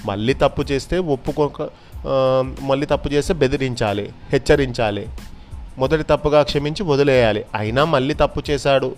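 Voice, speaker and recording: A man narrates a children's tale in an expressive, unhurried way. His voice sits at a middle pitch. Soft background music plays faintly behind him. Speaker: storyteller.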